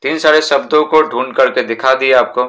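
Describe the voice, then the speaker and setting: A man teaching a school lesson in Hindi. He repeats words slowly and asks and answers his own questions. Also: mid-range voice, pushed and bright.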